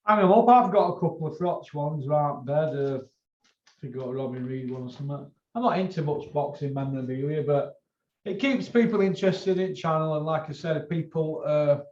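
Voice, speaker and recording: This Northern English host of a boxing video channel has a slightly high, a little mellow voice and keeps a moderate pace. In casual chat he rambles colloquially, swears and repeats himself, circling back on what he said; the sound is roomy, dull and lo-fi.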